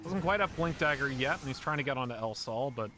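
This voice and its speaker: A man's voice: medium pitch, lively intonation, quick pace, music in the background. A man giving live play-by-play commentary on a video game match as an esports caster.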